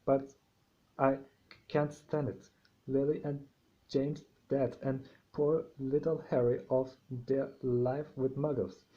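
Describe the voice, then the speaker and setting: A man reading as a tearful softhearted giant. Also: medium pitch, little pitch movement, lightly acted. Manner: halting reading with restarts. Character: huge shaggy male giant, tearful and softhearted. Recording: dull lo-fi recording.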